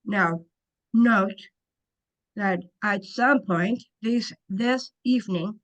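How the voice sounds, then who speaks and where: A woman from Ontario leads a council webinar over a video call. She speaks slowly and carefully in a mid-pitched voice, reading from prepared notes. Now and then she stumbles and restarts a word. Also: fairly bright tone, poor audio. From Ontario, Canada. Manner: slow and careful, with small restarts. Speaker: webinar host, council member.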